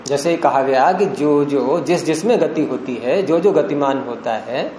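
A man's voice: on the high side, unhurried, warm tone. A man lecturing a class on classical Indian logic and grammar, explaining step by step and quizzing his students. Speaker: teacher of Nyaya philosophy. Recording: echoey room with faint hiss.

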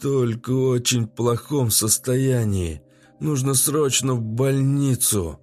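A man's voice: mid-range voice, slow pace, a little mellow, soft background music. A man doing a weak injured old doctor. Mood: urgent.

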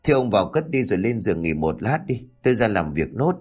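A man voicing an older village wife who fusses and scolds her husband in a quick, chiding way, over faint music. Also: fairly low pitch, sing-song, a little mellow, slightly rough. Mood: exasperated scolding. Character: older village wife, brisk, fussing, exasperated.

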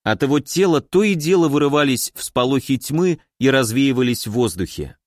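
A man reading a first-person fantasy audiobook with an expressive manner. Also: mid-range voice, normal speed, no room sound, studio quality. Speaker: audiobook narrator.

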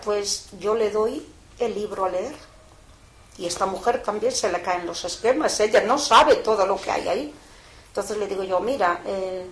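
An older woman being interviewed, telling a story in a casual, lively way with lots of fillers. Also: mid-range voice. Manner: colloquial, lively retelling with frequent fillers. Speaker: interviewee, mother of a prisoner. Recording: echoey room, faint background noise.

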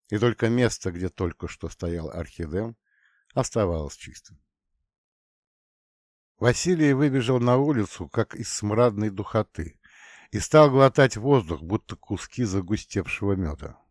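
Man, audiobook narrator, low pitch, dry recording, measured delivery. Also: a little mellow, no echo.

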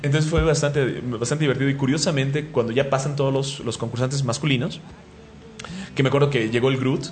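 A man's voice: mid-range voice, fairly even intonation, brisk, a little hiss or hum. A Mexican man hosting a radio talk show, telling a story in a joking, self-mocking way and acting out the dialogue. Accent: Mexican Spanish.

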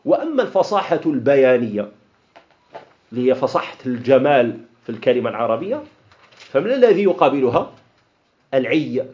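A man's voice: on the high side, mellow. A man with an Algerian accent teaching a class on Arabic grammar, asking questions and answering them himself, and mixing classical Arabic with dialect. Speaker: Islamic studies teacher. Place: lecture hall of an association. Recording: dull lo-fi lecture recording.

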